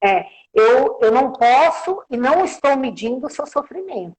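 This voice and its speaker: A woman with a somewhat high voice talks as a guest on a live-streamed interview. She makes her points through everyday examples and keeps dropping small filler tags as she goes. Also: sing-song, normal speed, darkish tone, poor audio. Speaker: guest communication professional.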